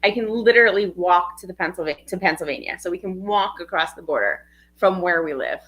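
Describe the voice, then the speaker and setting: A woman with a New Jersey accent co-hosting a casual livestream chat, talkative and quick to laugh. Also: on the low side, lively intonation, fairly bright tone. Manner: chatty, laughs often, loses her train of thought. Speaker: co-host.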